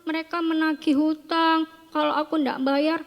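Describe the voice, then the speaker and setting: A woman's voice: high voice, flat delivery, moderate pace, pitched above the performer's own voice. A woman voicing a poor widowed mother who pleads tearfully for help, in a reverberant hall. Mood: pleading.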